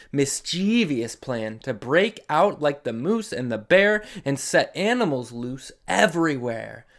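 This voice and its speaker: A man with a medium-pitched, slightly bright voice hosts a children's read-along story series. He reads aloud expressively, adding dramatic emphasis and chatty asides to his young listeners.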